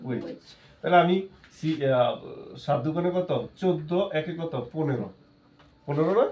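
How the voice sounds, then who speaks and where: A man's voice: a little high, normal speed, darkish tone. A male chemistry teacher, giving a classroom lesson. He keeps asking his students questions and then answers them himself.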